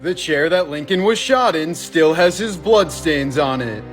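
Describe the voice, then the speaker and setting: A man reading creepy facts and stories in a measured, scripted narration. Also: on the high side, lively intonation, faint music behind.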